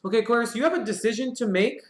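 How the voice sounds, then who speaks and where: A man's voice: very high voice, rapid-fire. Chatty man reading tarot in an echoey room. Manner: chatty, swears casually, murmured prayers to draw cards. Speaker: tarot reader. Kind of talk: casual live-stream tarot reading. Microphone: live-stream mic.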